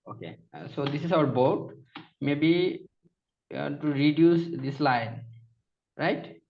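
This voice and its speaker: Hesitant Bangladeshi man on a gravelly call. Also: a little high, slow pace, a little hiss or hum. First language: Bengali. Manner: hesitant, many uhs and repeated yeses. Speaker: freelance graphic designer. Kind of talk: video call with a client. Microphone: video call. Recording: dull lo-fi video call audio.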